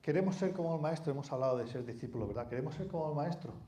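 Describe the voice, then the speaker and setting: A man's voice: fairly high pitch, rapid-fire, dark tone. A man from preaching a sermon in a conversational way, asking the congregation rhetorical questions and adding asides. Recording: echoey hall.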